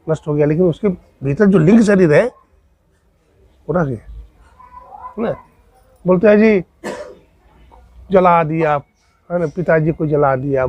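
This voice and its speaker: A man's voice: fairly high pitch, mellow, husky, dry recording, lo-fi sound. A man preaching a sermon as a spiritual teacher, telling a story and asking rhetorical questions. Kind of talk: Hindi sermon with acted dialogue.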